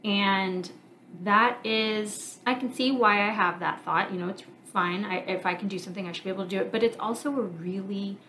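A woman in her thirties talks through her own thoughts on her podcast, candid and reflective, pausing and restarting as she works things out. Her voice sits at an ordinary middle pitch. A faint hiss stays under the recording. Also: sharp tone. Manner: candid, reflective, thinking aloud with fillers. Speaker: podcast host, marriage coach and therapist. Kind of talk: casual personal monologue.

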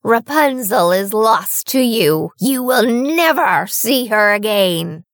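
A woman voicing a wicked old witch, angry and mocking, in a drawn-out scolding storybook voice. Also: on the high side, lively intonation, no room sound, studio quality.

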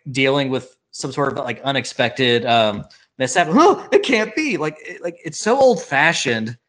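A man's voice: fairly high pitch, fairly bright tone, poor audio. A man in casual podcast talk about a movie, rambling with many filler words. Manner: rambling, heavy filler words, quick mimicry of film lines. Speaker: podcast host reviewing a film. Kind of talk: casual chat.

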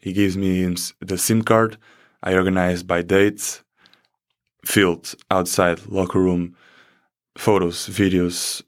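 A young Portuguese man, a student soccer player whose first language is Portuguese, gives conversational interview answers in a campus studio. His voice is low and his speech halting; he restarts phrases and laughs easily.

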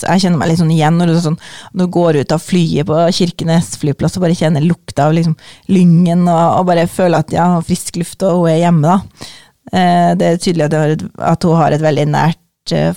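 A co-host in a casual book talk, speaking conversationally with quick asides. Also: medium pitch, gravelly, warm tone, no room sound, studio quality.

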